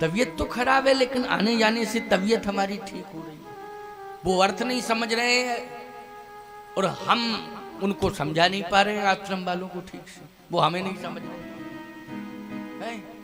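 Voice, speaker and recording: Older man, devotional sermon, high voice, repeats himself, asks and answers his own questions, clear music behind. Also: unhurried. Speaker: spiritual teacher giving a scripture discourse. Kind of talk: devotional sermon to a live audience. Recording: devotional music playing under the voice.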